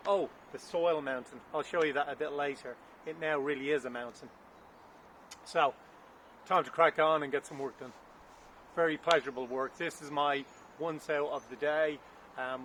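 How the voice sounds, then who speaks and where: A man's voice: mid-range voice, fairly bright tone. Man, gardening vlogger, out of breath, rambling and thinking aloud outdoors; light wind and traffic noise. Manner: chatty, thinking aloud, unsure asides. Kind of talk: casual vlog narration while digging. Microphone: camera on a stand.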